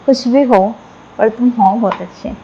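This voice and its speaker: A woman playing an impatient, sharp-tongued employer who scolds her maid irritably. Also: on the high side, moderate pace, muffled recording, slight background noise, natural voice. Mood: irritable.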